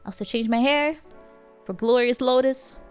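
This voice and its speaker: A woman's voice: a little high, normal speed, clean tone. A woman livestreamer chatting casually while gaming, in a playful, cute anime-streamer manner. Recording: music playing behind the voice. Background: music.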